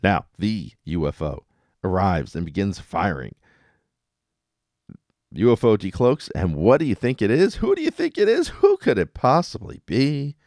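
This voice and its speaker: A man hosting a podcast goes over past episodes at a measured pace, his voice sitting fairly low. He's wry and highly animated, adding playful dramatic stress, all captured in a dry recording without room sound.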